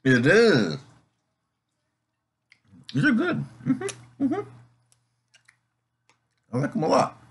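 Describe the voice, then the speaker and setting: A man's voice: high voice, huge pitch swings, extremely slow, pauses often, slightly rough. A father chatting casually through a mouthful of candy, humming and mm-hmming eagerly. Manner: enthusiastic, lots of hums and mm-hmms. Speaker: father doing a taste test with his child. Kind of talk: casual video chat.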